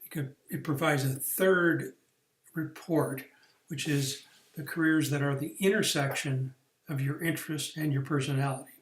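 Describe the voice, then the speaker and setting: A man's voice: a little high, steady tone, normal speed. Man explaining a career course, echoey room. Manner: explanatory, with fillers and restarts. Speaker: career coach. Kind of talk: recorded online training lesson.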